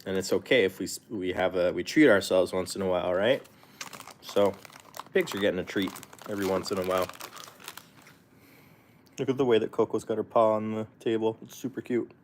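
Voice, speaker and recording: A man's voice: fairly low pitch, fairly quick, pauses often. A man casually chatting on a livestream while feeding his guinea pigs, rambling and correcting himself with small chuckles. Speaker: pet vlogger.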